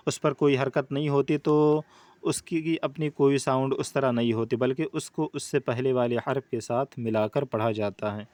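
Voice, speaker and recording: Brief: patient male Quran teacher with an Urdu accent, mid pitch, slow careful letter drills. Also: a little mellow. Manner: patient, explains step by step, drills letter sounds slowly. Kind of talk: beginner reading lesson.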